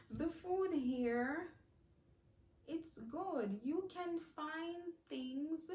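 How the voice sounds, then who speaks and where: A young Jamaican woman answering viewer questions in a casual vlog, speaking slowly and warmly, often repeating herself and laughing. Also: fairly high pitch, echoey room, distant mic, slight background noise. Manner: slow, heartfelt, repeats phrases, laughs often.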